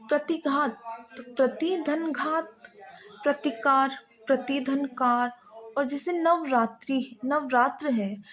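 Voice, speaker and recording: Slow high-voiced woman teaching grammar. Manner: slow, patient, spelling out word parts one by one. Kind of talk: Hindi grammar lecture.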